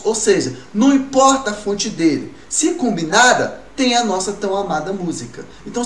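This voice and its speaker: A man teaching a recorded music class to children, asking questions and answering them himself in a lively way. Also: high-pitched, recorded from a distance. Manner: lively, talks to pupils as "gurizada", asks and answers his own questions. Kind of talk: recorded online class for kids. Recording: roomy, from off-mic, faint room noise.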